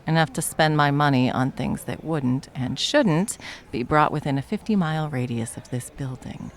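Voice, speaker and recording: With a low-pitched voice at a moderate pace, a woman lightly acts the part of a smug, nonchalant young barista villain. The comedic ASMR roleplay is casual and deadpan, her teasing dry.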